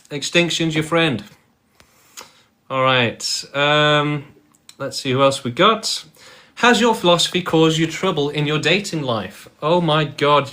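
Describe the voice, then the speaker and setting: A man with a fairly high, pushed and bright voice hosts a live-streamed debate. He bluntly calls guests liars, reads the chat, and keeps the show moving in a combative, dismissive manner.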